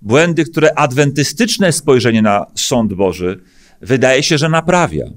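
A man's voice: medium pitch, big pitch swings, a little slow. Man from Poland, middle-aged pastor, sermon at a church lectern, emphatic rising questions, hesitant fillers. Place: church hall stage at a lectern. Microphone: lectern microphone.

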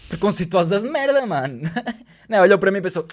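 Fast-talking Portuguese man telling stories. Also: sits high. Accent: European Portuguese. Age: 30s. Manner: animated storytelling, swears freely, acts out dialogue. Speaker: podcast co-host. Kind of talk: casual chat. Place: studio with blue lighting, indoors. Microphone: studio mic on arm.

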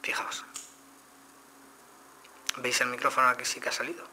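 A man with a Spain Spanish accent walks viewers through a phone demo in a relaxed, explanatory way. His voice is very bright and sharp, with a faint hiss behind it. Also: medium pitch, normal speed. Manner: explanatory, addresses viewers directly. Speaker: phone reviewer. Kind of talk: casual product demo.

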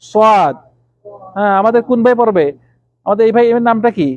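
Man, Arabic teacher, high voice, slow repeated letter sounds, calls on students, dry recording. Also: no echo, dull audio. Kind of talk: classroom Arabic letter drill. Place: classroom with students.

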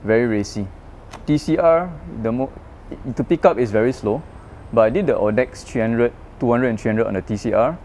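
With a mid-range voice and fairly quick delivery, a Malaysian-raised man talks casually as a guest about his road bike, in an open parking garage at night. There's a little hiss or hum, and he tells stories animatedly, chatty, with many fillers and restarts.

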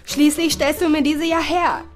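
A woman's voice: high voice, steady tone, normal speed, faint music behind, voice pushed up, lightly acted. A woman voicing an anxious young man in an audiobook, urgent and pleading. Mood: upset, pleading. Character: anxious young man, panicked older brother. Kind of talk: audiobook character voice.

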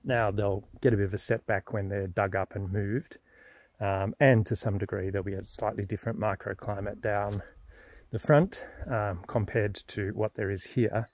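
A middle-aged Australian man casually explaining things in a vlog, measured and thoughtful, with frequent ums and restarts. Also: fairly low pitch, steady tone, a little mellow, dry recording. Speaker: smallholder vlogger.

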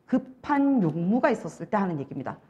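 A young woman with a Busan Gyeongsang accent lecturing an English test-prep class, animated and constantly checking that students follow. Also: mid-range voice, quick pace, dull audio. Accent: Busan Gyeongsang Korean. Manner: animated, keeps checking understanding with rhetorical questions.

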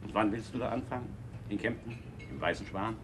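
A man's voice: fairly low pitch, brisk, lightly acted. An actor playing a middle-aged innkeeper and father who scolds his grown daughter, in a 1960s TV drama. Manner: gruff, scolding. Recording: old TV soundtrack with faint hiss.

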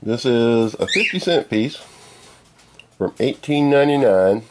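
A man's voice: medium pitch, lively intonation, unhurried, noisy background. A man casually narrating a coin ring how-to, chatting and apologizing as he works. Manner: chatty, apologetic asides while working. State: eating candy. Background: birds and workshop clatter.

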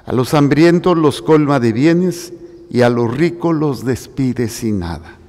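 Slow, solemn priest in an echoing church. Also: male voice, medium pitch, lively intonation, darkish tone. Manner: slow, solemn, measured delivery. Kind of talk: liturgical Gospel reading and homily. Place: church during Mass. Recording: long church reverb.

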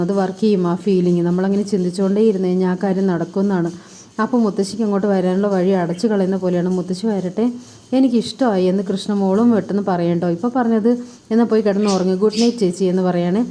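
A woman's voice: medium pitch, dark tone. A woman vlogger casually retelling a TV serial episode in a chatty way, lightly acting out the characters' dialogue. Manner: chatty, keeps adding a tag word at line ends, acts out the dialogue lightly.

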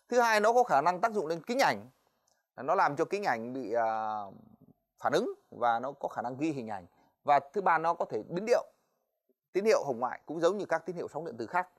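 A man teaching physics in a televised exam-review lesson, talking to students in a chatty way with many fillers and quick checks for understanding. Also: fairly high pitch. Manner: quick, chatty, stops often on "đấy" and "ờ"; addresses students directly, asks "right?".

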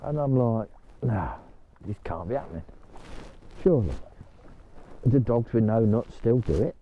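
A man's voice: medium pitch, animated, unhurried, dull audio, a little hiss or hum. An older man chatting casually to camera while kayaking on a canal, talking to his dog now and then. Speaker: vlogger. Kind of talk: casual vlog chat.

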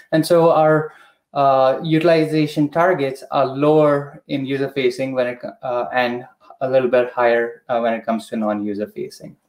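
A man explaining a technical process on a video call, measured and methodical, with frequent pauses and "uh" fillers. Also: fairly high pitch, a little mellow. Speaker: product expert guest. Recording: echoey room.

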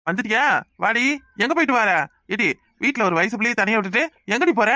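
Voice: medium pitch, brisk, sharp tone, no echo, clean studio sound, lightly acted. Someone voicing a bossy village uncle with a Kanyakumari accent. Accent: Kanyakumari Tamil. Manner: bossy but affectionate, scolding. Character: caring middle-aged village uncle, head of household. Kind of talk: cartoon voice acting.

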